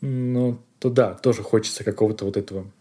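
A man co-hosts a casual podcast in a dark, mellow voice with a slightly husky edge. He rambles as he searches for his words and laughs often along the way. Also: fairly low pitch, fairly even intonation, brisk. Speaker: podcast co-host.

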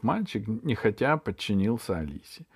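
A man narrating a children's audiobook in steady storytelling. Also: on the low side, normal speed, breathy edge, no echo, clean studio sound.

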